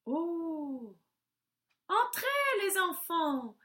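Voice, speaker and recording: A woman voicing a scheming, bossy old witch in a storybook, with a cackling, drawn-out delivery. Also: very high-pitched, lively intonation, a bit bright, pitched above the performer's own voice, full character voice. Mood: delighted.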